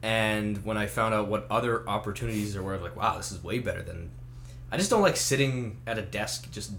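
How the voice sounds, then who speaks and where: A young man from Canada talks easily as a guest, joking along with plenty of ums and pauses. His voice sits on the low side. A faint hum runs under the recording. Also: a bit bright. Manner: easygoing, joking, many fillers and pauses. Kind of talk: casual chat.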